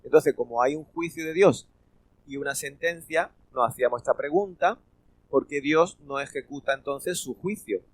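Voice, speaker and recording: A man teaching a church Bible study. He reads scripture slowly and keeps checking in with his listeners. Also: a little high, no room sound, poor audio.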